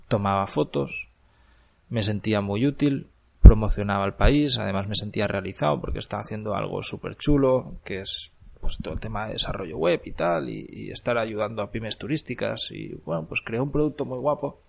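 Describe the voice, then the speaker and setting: A gravelly-voiced man from Barcelona, Catalonia, hosts a podcast in Granada, Nicaragua, telling his personal story. His medium-pitched voice is a little mellow with a Barcelona Spanish accent, and he speaks reflectively with many fillers and restarts.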